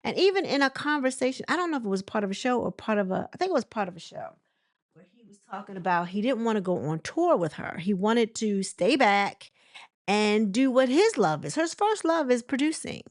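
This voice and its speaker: A woman's voice: on the high side, expressive, brisk, dry recording, clean studio sound. A woman chatting casually about celebrity gossip, rambling with lots of fillers and restarts. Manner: chatty and conversational. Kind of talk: casual commentary.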